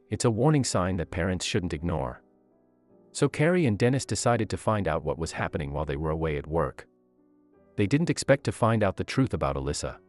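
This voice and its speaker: A man's voice: sits low, darkish tone. A man giving scripted storytelling narration, leaning on key lines with dramatic emphasis.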